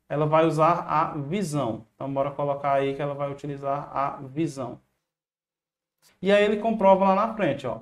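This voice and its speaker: This exam-prep teacher is a Brazilian man whose voice runs somewhat high, recorded for an online video lesson. Going answer by answer, he keeps things casual and encouraging, sprinkling in slang, with a Brazilian Portuguese accent.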